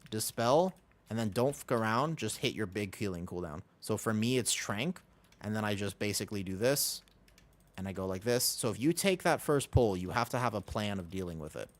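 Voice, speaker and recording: A man from Texas livestreaming a game, chatting casually and excitably in slangy speech and often repeating himself. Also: lowish voice, normal speed. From Texas, United States. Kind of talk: casual chat and gameplay commentary.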